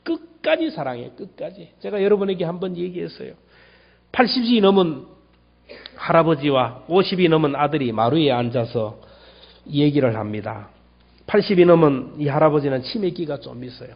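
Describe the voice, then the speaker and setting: High-pitched guy pastor preaching, repeats words for emphasis, loud then quiet, muffled recording. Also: lively intonation, normal speed, gravelly. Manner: emphatic, repeats key words, swings between loud and hushed. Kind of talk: sermon. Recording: dull lo-fi church recording.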